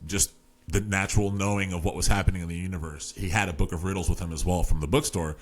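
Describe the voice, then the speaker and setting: A man's voice: sits low, steady tone, fast talker. A man talks through a book on a casual podcast. He rambles, circles back and fills gaps with "like" and "you know" as he retells the story. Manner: rambling, lots of fillers and restarts. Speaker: podcast host.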